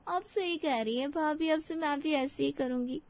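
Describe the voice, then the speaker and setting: A meek, deferential young daughter-in-law who pleads politely with her elders, played by a woman. Her voice sits a bit high and sounds soft-spoken. The recording comes through dull and lo-fi. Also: normal speed. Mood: cheerful.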